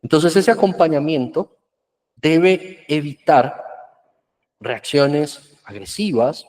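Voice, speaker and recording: A man explains children's emotions in a virtual workshop. His voice sits a little high for a man, and his delivery is earnest and steady. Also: takes it slowly. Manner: earnest, explanatory, acts out parents' scolding in quotes.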